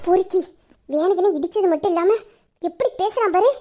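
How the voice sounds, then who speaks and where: A woman voicing a sharp-tongued young woman who scolds and pleads tearfully in an amateur audio drama. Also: very high-pitched, a little fast, faint music behind. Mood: scolding.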